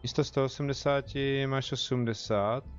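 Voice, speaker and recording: A man's voice: mid-range voice, steady tone, clear, resonant tone, dull audio, faint music behind. A young man with a Czech accent, chatting casually as he streams a game and jokes with his viewers. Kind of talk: casual live gameplay commentary.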